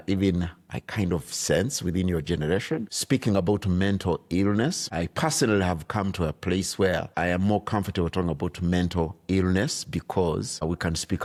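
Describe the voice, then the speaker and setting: A man from Uganda with a low, deep voice. He talks like a bishop being interviewed on a podcast, slow to choose his words and weighing each thought as he goes. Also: a little mellow. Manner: thoughtful, deliberate, searching for words. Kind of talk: reflective conversation.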